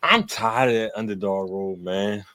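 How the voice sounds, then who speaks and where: A man's voice: on the low side, moderate pace, bright, forceful tone, no room sound. A man co-hosting a podcast, talking football in a profane, laughing, trash-talking way. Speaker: podcast co-host. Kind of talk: casual sports chat.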